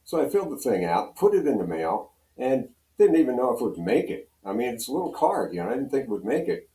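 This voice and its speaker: Heard distant from the microphone with a roomy echo, an older Pennsylvania man who works as a radio program director tells casual, folksy stories that poke fun at himself. He's a guest, and his medium-pitched voice is warm, sing-song, and quick.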